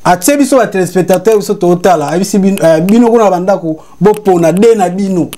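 High-voiced young man, emphatic. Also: fast talker, mellow. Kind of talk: studio talk-show discussion. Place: TV studio with grey sofa.

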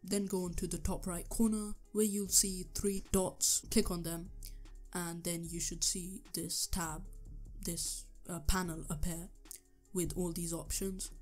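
A young man whose throat is sore and hoarse narrates a screen-recorded computer tutorial, as a tech YouTuber would. His voice sits high, and he walks through each step earnestly, dropping the occasional um.

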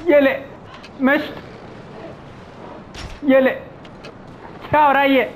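A man giving casual gameplay commentary, relaxed and mixing in English words, chuckling at the game. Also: very high voice, slow pace, slight background noise, poor audio. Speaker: gamer, channel host.

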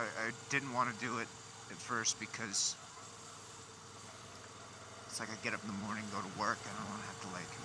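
A low-voiced motovlogger rides through city streets at night, muttering to himself in casual chat with wry, grumbling asides at traffic. A small mic inside his helmet feeds a recorder, so his voice sounds enclosed, with engine and traffic noise around it.

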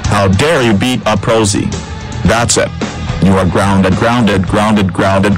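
A man's voice: lowish voice, rough recording. A synthetic man's voice playing an angry, scolding cartoon father with stilted text-to-speech delivery.

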